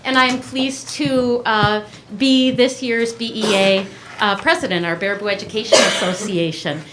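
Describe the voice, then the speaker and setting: A woman's voice: mid-range voice, fairly even intonation, moderate pace, noisy background. A woman giving an enthusiastic address at a school board meeting, introducing her colleagues one by one. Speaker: teachers' union president. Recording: echoey room from far off.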